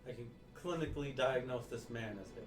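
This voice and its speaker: A man's voice: medium pitch, quick pace. A man chatting casually as co-commentator on a video game, with dry jokes. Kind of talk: casual let's-play chat.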